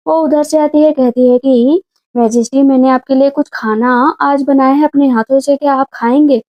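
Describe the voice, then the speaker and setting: A woman's voice: sits high, fairly even intonation, moderate pace, warm tone. A woman narrating a drama recap in a casual storytelling way, speaking the characters' lines in her own voice. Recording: dull lo-fi sound.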